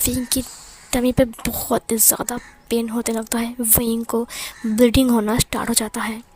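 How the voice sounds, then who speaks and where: A woman retelling fan fiction as a storyteller, in plain, steady narration. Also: on the high side, normal speed, slight background noise.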